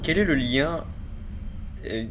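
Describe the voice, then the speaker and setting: A man with a French accent doing casual reaction commentary, excitable and slangy, with loud outbursts. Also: fairly high pitch, takes it slowly, music in the background. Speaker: video reactor host.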